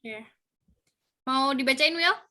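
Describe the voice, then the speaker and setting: A woman with an Indonesian accent moderates a webinar over a video call. Her high, bright voice stays friendly and casual as she reads out questions from the audience. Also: takes it slowly.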